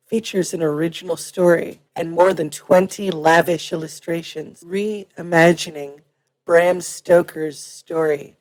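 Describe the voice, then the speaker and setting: A woman's voice: deep voice, a little mellow, low-quality recording. A woman hosting an interview show, reading a cheery introduction and asking chatty questions. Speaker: host. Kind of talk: podcast interview.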